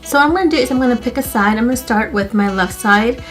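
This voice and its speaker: Soft music backs this beauty YouTuber as she demonstrates a hairstyle in a fast, fairly bright voice on the high side. Despite a stuffy nose, she keeps up a friendly, chatty stream of talk, leaning on "like" and "literally" again and again.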